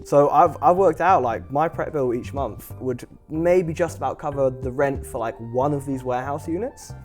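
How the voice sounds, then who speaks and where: A man's voice: medium pitch, normal speed, a little mellow, soft background music. A man hosting a vlog, talking in a chatty, informal way as he interviews and explains. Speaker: host, online seller interviewing prep centre staff. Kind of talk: casual interview and vlog narration.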